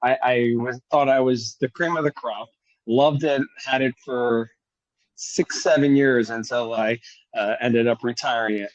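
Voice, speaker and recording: A man chatting casually in a relaxed way, heard through dull, lo-fi dry audio. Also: mid-range voice, measured pace, no room sound. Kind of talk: casual chat.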